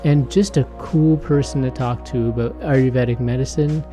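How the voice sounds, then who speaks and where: This podcast host, a man, speaks at a moderate pace in a steady, medium-pitched voice while music plays behind him. His talk is informal and conversational, moving from the show's intro into relaxed interview chat.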